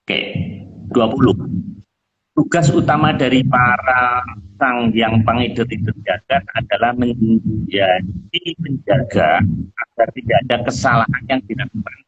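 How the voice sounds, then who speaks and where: Husky man on a choppy, breaking-up call. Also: mid-range voice, unhurried, fairly bright tone. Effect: choppy, breaking-up internet call audio. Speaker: participant reading a passage aloud. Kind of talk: reading a text aloud in an online meeting. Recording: dull lo-fi online call audio.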